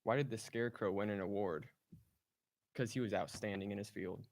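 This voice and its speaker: A man trading dad jokes in a contest, delivering setups and punchlines deadpan with short thoughtful hums. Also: lowish voice, a little fast. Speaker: joke contestant.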